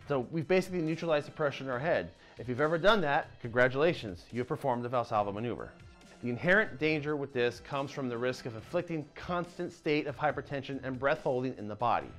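Animated man presenting to camera. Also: mid-range voice. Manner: animated, talks with his hands, casual asides. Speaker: martial arts channel host. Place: dim indoor dojo-style room. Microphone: lapel mic.

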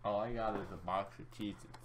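A man's voice: on the low side, steady tone, a little fast, slight background noise. A young man chatting casually over a game, groggy and muddled, his mouth numb after dental surgery and painkillers. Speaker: video game player. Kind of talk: casual chat while gaming.

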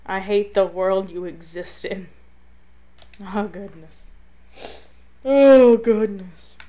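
A woman commentating her own gameplay, venting and scolding the game, drifting between muttering and yelling. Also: medium pitch, steady tone, slow pace, highs cut off. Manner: exasperated, talks to the game, swings from muttering to yelling. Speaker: gaming video host. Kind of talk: let's play commentary.

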